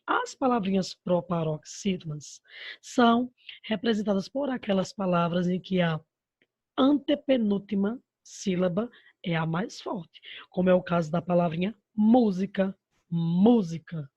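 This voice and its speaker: A woman with a Brazilian Portuguese accent teaches a primary school grammar lesson over slides, patient and affectionate, calling pupils by diminutives and "my love" and answering her own rhetorical questions. Her voice is lowish, darkish, and expressive with a breathy edge, at a normal speed. There's no echo, and the highs are cut off.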